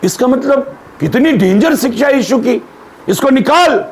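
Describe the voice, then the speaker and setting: A man's voice: very high-pitched, expressive, moderate pace. A male pastor preaching a sermon, telling jokes and putting questions to the congregation. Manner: humorous storyteller, asks the congregation questions.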